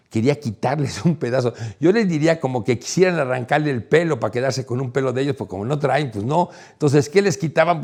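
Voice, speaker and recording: A man telling a personal story in a lively way, his voice climbing high and loud at the exciting parts. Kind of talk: animated storytelling.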